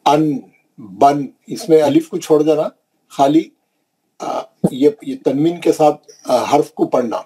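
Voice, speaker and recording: A man teaching Quran recitation in an online class, drilling syllables slowly and checking in with his students. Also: fairly high pitch, dark tone, husky, low-quality recording.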